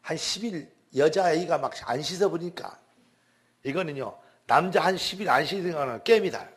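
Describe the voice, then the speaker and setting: High-voiced man preaching emphatically. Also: moderate pace, slightly rough. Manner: emphatic storytelling with exclamations. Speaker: pastor. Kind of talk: sermon testimony.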